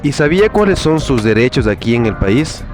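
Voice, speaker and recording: A man's voice: medium pitch, sing-song, brisk, over music. A man interviewing passers-by on the street, asking formal and sometimes stumbling questions about parents' rights.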